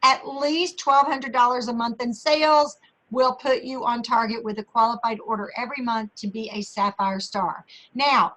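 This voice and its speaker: A woman leading her sales team in a motivational talk on a video call, chatty and energetic, repeating phrases for emphasis. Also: on the high side, rough recording.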